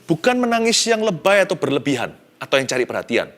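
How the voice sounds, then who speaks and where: A male pastor, giving an expressive devotional sermon that swings from hushed to loud and mixes in English phrases. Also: fairly high pitch, fast. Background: soft background music.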